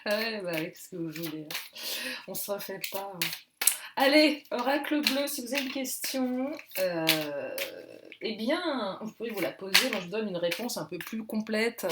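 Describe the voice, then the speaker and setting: A woman's voice: mid-range voice, lively intonation, moderate pace, very noisy. A woman doing casual card and pendulum readings. She talks in a jokey, rambling way and often laughs at her own asides. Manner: loose and rambling, with many fillers. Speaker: intuitive card and pendulum reader. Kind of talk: casual chatty guidance video.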